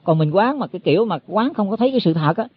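A man's voice: high-pitched, lively intonation, rapid-fire, husky, no echo. A man giving a Buddhist sermon to monks, explaining in a folksy way and repeating his words as he goes. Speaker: Buddhist teacher. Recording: tinny phone-like, dry.

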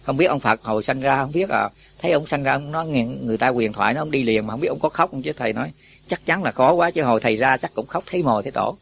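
A Buddhist monk teacher gives a folksy dharma talk to monks, often posing questions to them. His mid-range voice is husky with vocal fry and moves fast, captured in a dull lo-fi recording.

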